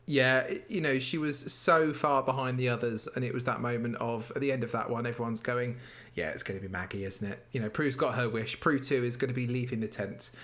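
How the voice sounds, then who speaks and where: A man's voice: mid-range voice, fairly quick, few pauses. A man, guest on a podcast, chatting about a baking show and acting out moments as he tells them. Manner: animated storytelling, acts out quotes. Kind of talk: casual chat.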